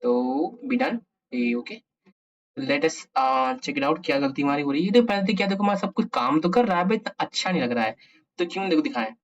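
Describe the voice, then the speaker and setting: Mixing Hindi with English, an Indian-accented man hosts a casual programming tutorial, thinking aloud in a playful way. His voice is fairly high and very animated at a moderate pace, captured through a dull, lo-fi microphone.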